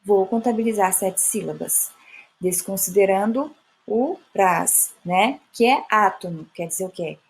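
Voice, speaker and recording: Lady teacher explaining poetry meter, patient, drags out example words, mid pitch. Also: measured pace. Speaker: Portuguese teacher. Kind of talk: classroom lesson on poetic meter.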